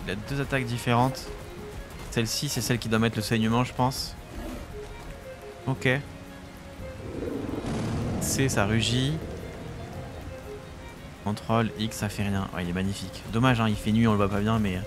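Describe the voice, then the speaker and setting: A man's voice: on the low side, level tone, moderate pace, pauses often, music in the background. A man giving casual, enthusiastic commentary while playing a survival game, chatting to his viewers and to his tame creature. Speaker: gaming YouTuber.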